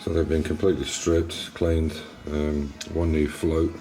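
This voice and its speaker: An English classic car restorer hosts a casual restoration vlog from his garage workshop, rambling along with restarts and fillers. His rumbling low voice has a dark tone and a flat, unhurried delivery, and the sound is roomy.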